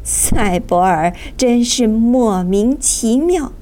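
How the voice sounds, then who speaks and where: A woman reads a children's story aloud, unhurried and drawn out, her pitch rising and falling expressively. She sits a little above the usual woman's pitch. Faint noise hangs underneath. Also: expressive, mellow. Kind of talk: children's audiobook narration.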